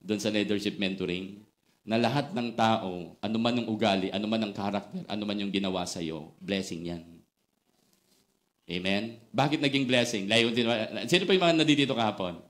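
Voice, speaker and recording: A man preaching a sermon, telling a personal story, mixing in English phrases and moving between soft quoted asides and loud excited bursts. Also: fairly low pitch, normal speed. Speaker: pastor.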